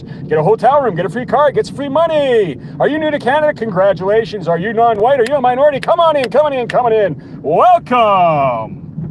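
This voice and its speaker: A man putting on a loud carnival barker shouting people in, outdoors with traffic noise behind. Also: low-quality recording. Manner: brash, shouting sales pitch.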